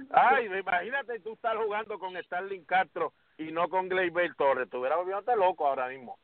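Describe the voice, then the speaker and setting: Animated man on a tinny phone line. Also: high-pitched, moderate pace, few pauses. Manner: animated, addresses co-host by name often. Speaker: sports podcast host. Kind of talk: casual sports talk.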